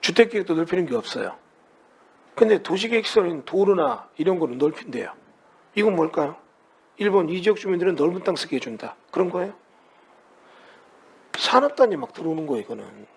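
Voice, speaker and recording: A man's voice: high voice, very animated, brisk, pauses often, breathy edge. A man teaching a real estate class in a conversational way, often putting rhetorical questions to his students. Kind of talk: classroom lecture.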